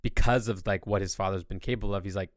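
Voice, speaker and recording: A man's voice: deep voice, fairly even intonation, fast, no room sound, studio quality. A man hosting a podcast, explaining things at length in a casual, enthusiastic way. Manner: long-winded enthusiastic explaining. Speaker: podcast host. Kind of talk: casual chat.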